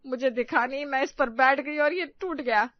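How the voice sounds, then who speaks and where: A woman's voice: high voice, moderate pace, no echo, natural voice. A woman voicing a bossy, superstitious older mother-in-law who scolds and grumbles, in a dull, dry, lo-fi recording. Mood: annoyed.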